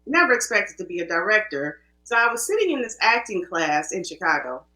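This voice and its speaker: A woman's voice: mid-range voice, sing-song, a little fast, pushed and bright. Woman film producer guest, Midwest-raised, chatty and restarting often, in an echoey room. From American Midwest. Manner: chatty, self-interrupting storyteller. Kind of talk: casual interview talk.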